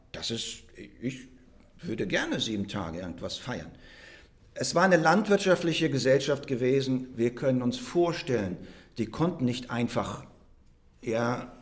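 A man preaching a sermon in German, emphatic and conversational, often checking in with the congregation with short asides. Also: mid-range voice. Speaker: pastor.

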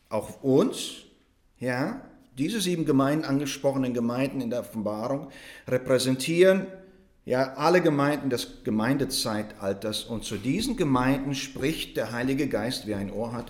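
A man preaching a sermon to a congregation, telling a story with animated delivery and addressing them directly. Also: fairly high pitch, roomy sound.

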